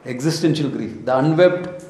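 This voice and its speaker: A man's voice: medium pitch, moderate pace, a little mellow. Indian man teaching scripture in an echoey room. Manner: short emphatic phrases, rhetorical questions, switches into Hindi and Sanskrit. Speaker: spiritual teacher. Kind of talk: informal scripture lecture with storytelling.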